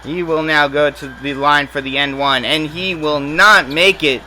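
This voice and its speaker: A man calling simulated basketball play-by-play, rattling off each possession and jumping up in pitch and volume when a shot drops. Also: fairly even intonation, bright, forceful tone, soft background music, rough recording. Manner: rapid play calling that rises sharply on made shots. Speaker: play-by-play announcer.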